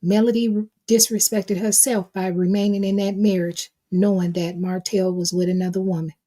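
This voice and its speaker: A woman's voice: mid-range voice, flat delivery, normal speed, mellow. A middle-aged woman hosting a casual live stream, reading viewers' chat aloud and calling them baby and honey. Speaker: livestream host reading chat.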